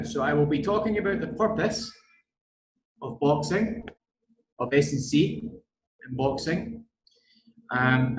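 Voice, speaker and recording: A man with a broad Scottish accent giving an online strength and conditioning lecture, deliberate and repeating words for emphasis. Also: on the high side, roomy sound, low-quality recording.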